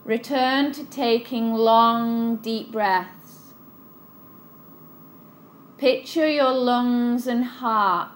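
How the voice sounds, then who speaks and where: A woman leading a guided relaxation meditation in a soothing, unhurried, instructional manner. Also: a little high, a little hiss or hum.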